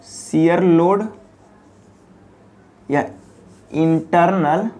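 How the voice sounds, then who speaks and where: A woman giving an engineering lecture, posing questions to the class and answering them herself, repeating key terms slowly. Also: fairly low pitch, dark tone.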